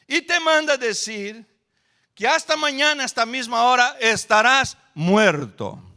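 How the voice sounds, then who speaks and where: A man preaching in Spanish voicing a panicked royal messenger who delivers a death threat in a high, urgent voice. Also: a little slow, fairly bright tone, natural voice. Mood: alarmed.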